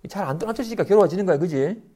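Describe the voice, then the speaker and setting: A middle-aged Buddhist monk gives a conversational dharma lecture on a sutra in a rapid-fire voice with a breathy edge. Animated, he acts out the voices he quotes with pitch jumps and often checks in with listeners through tag questions.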